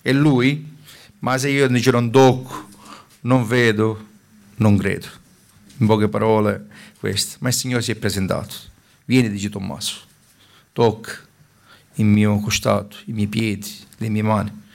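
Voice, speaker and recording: A man's voice: on the low side, little pitch movement, a little slow, creaky, long pauses. A man preaching a sermon in a fervent way, stopping now and then to restart a word.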